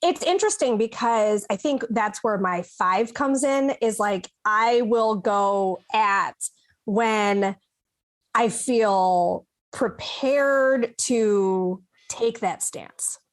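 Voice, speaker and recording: A woman from Chicago talking as a panelist in a casual, thoughtful podcast discussion, pausing to search for her words. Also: mid-range voice. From Chicago, USA.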